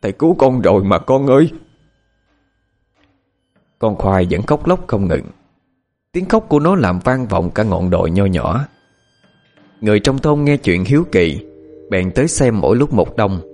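A man narrating a ghost story as an audiobook, in an expressive, measured storytelling manner. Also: on the low side, soft background music.

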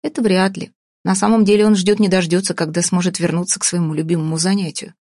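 A woman reading an audiobook voices a frank, guileless young woman who speaks earnestly and openly, with a husky tone. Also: on the low side, steady tone, fast talker, dark tone, no room sound, clean studio sound, natural voice.

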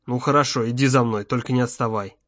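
A man's voice: mid-range voice, fairly even intonation, quick pace, a bit bright, muffled recording, lightly acted. A man playing a hardened father guarding his son, with stern, clipped and urgent speech.

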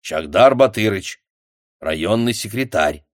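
A brusque village chairman, voiced by a male narrator, low and close, speaking in curt, folksy orders. The voice stays near the reader's own, just lifted a little in volume. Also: lively intonation, unhurried, dry recording.

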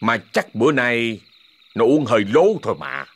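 A man's voice: mid-range voice, normal speed, a bit bright, breathy edge. A man doing a stubborn old village father. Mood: dismissive.

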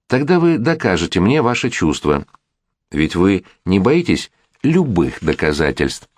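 A cool, teasing aristocratic lady, as a male storyteller reads her lines. A low voice that still ranges widely, in a close, dry storybook reading. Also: very animated, a little slow, no echo, exaggerated voice. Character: teasing aristocratic woman, a princess, cool and playful.

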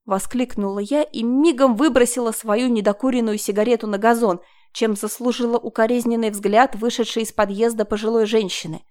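A woman reading a first-person crime story aloud in an even, measured way. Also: a little high. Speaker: narrator.

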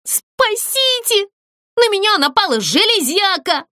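A woman's voice: extremely high pitch, sing-song, measured pace, bright, forceful tone, no echo, clean studio sound, voice pushed up, heavily acted. A woman voicing a frightened doll actress who shrieks for help. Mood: panicked. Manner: shrieking, pleading.

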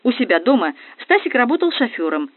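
Hot-tempered stout colonel, put on by an audiobook reader, bellowing commands, high and loud, tinny dry audio. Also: big pitch swings, a little fast, no echo. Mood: calm. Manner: barking orders.

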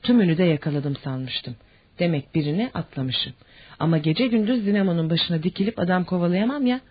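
A reader doing a cool army major who gives orders in a stern, clipped way. The husky voice sits on a dull, lo-fi audiobook track. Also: mid-range voice, a little fast, natural voice.

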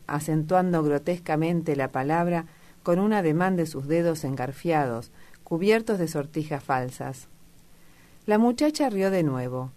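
Low-voiced woman narrating a novel. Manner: measured, even storytelling. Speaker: audiobook reader. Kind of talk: literary audiobook narration.

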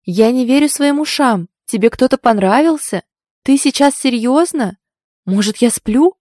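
A woman voicing a teasing, excitable young female best friend in an audiobook, talking loud and high with lots of exclamations. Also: a little fast, no echo, studio quality, natural voice. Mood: excited. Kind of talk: audiobook character voice.

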